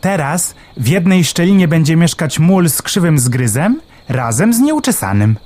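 A man voicing a cheerful, excitable young male sparrow in a children's storybook reading, with a chirpy, eager manner. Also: a little high, moderate pace, pitched above the performer's own voice. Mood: curious.

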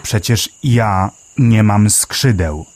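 Slow mumbly bug, man doing it, low-ish and plodding, bedtime story. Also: a little mellow. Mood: puzzled. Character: slow, many-legged male bug, puzzled and plodding.

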